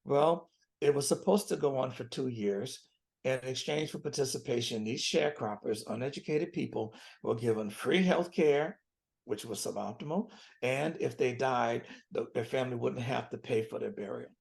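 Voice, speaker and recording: A man in his seventies speaks as a physician guest, earnest and emphatic, often repeating key phrases. His voice has a gravelly, creaky texture at a middling pitch. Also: normal speed, darkish tone. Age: 70s. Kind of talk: interview conversation.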